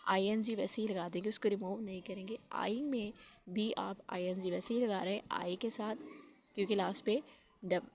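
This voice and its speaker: A woman's voice: mid-range voice, fairly even intonation, normal speed, slight background noise. A woman teaching spelling rules, explaining patiently step by step and mixing in English terms.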